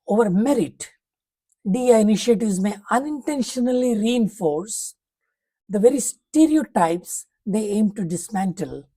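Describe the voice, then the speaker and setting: A woman reading a prepared talk aloud, setting out numbered points in a measured, formal way. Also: mid-range voice, mellow, poor audio.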